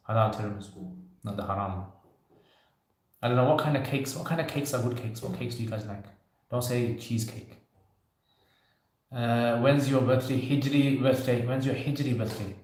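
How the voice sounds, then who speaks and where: Man in his thirties, echoey room. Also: medium pitch. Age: 30s. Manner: conversational, loose, with frequent "you know" and light joking. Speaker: livestream host answering viewer questions. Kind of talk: casual livestream Q&A.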